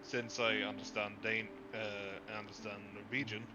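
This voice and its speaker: Over muffled lo-fi call audio with guitar playing behind him, a man on a livestream chats, jokes and rambles, stumbling over words because he's sleepy at an early hour. His voice is fairly low and level in tone, at a moderate pace.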